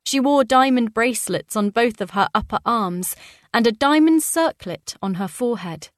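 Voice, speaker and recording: A woman narrating a historical novel aloud in an even, measured manner. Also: fairly high pitch, no echo, clean studio sound. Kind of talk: audiobook narration.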